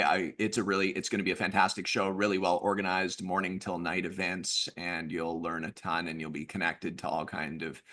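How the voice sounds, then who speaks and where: Very deep, bright-voiced man hosting casually. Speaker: host of online group meeting. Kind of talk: casual upbeat hosting chat.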